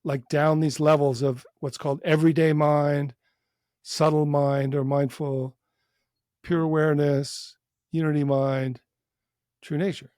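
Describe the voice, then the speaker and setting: A man who works as a psychotherapist, guiding a short meditation in a calm, unhurried, gently inviting voice with long pauses. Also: a little high, dry recording, clean studio sound. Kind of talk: guided meditation within a podcast interview.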